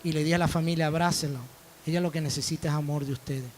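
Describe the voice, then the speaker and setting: A man's voice: fairly high pitch, steady tone, fast talker, slight background noise. A man preaching a sermon as pastor, telling stories and acting out dialogue. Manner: storytelling preacher, quoting dialogue.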